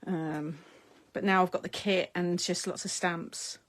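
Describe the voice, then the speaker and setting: A middle-aged British woman from the UK chats casually with viewers during a crafting livestream, reading their comments aloud and laughing often. Her voice is on the low side, with a steady tone and a slightly slow pace, and she speaks British English.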